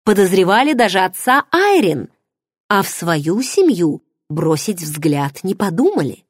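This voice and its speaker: A woman narrating a first-person audiobook in an expressive, dramatic way, recorded close to the mic. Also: lowish voice, measured pace, dry recording.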